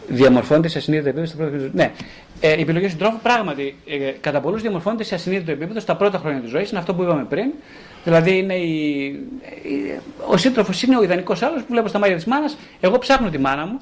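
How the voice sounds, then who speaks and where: A male psychotherapist talking casually about relationships, rhetorical and animated, acting out the voices he quotes. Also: sits high, slight background noise.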